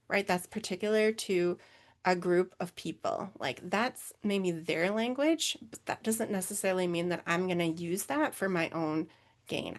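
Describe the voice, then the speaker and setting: Presenting a webinar over a video call, a woman with a Minnesotan accent fields questions chattily, using lots of fillers. Her voice is lowish, and English is her first language.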